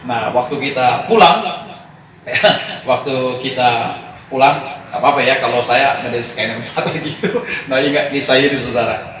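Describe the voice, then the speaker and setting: A man, telling a personal story in a sermon as an animated storyteller who talks straight to the congregation and chuckles often. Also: mid-range voice, moderate pace, a little hiss or hum. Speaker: preacher leading a discipleship session. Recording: very echoey hall, voice from a distance.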